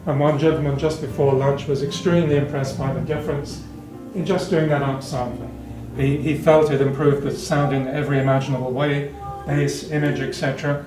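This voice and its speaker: Brisk and with few pauses, a man with a fairly high, level-toned voice walks visitors through hi-fi gear at a show. The demo room is roomy and indoors, music plays behind him, and he covers technical details informally and thoroughly.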